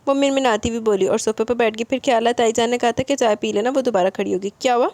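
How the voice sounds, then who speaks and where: A woman's voice: fairly even intonation, a little mellow, dry recording. A woman narrating a romance novel aloud, switching into livelier voices for each character's lines. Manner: voices dialogue with raised pitch and more force.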